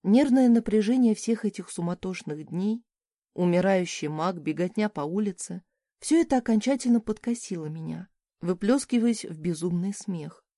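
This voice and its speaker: Female audiobook reader with a warm, mellow voice, expressive first-person narration in a dry booth. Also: medium pitch, normal speed, dry recording. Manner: lively, expressive reading.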